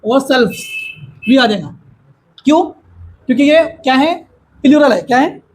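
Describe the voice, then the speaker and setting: A man teaching a grammar lesson to a classroom of students, explaining slowly and asking them questions again and again. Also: extremely high pitch, expressive, a little hiss or hum, rough recording.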